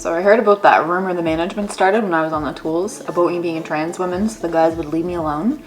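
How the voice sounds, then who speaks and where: A video host who works as a tradeswoman tells stories in a casual, sweary vlog, voicing both people in the conversations she re-enacts. She talks fast in a fairly low voice. The room echoes, and faint music plays.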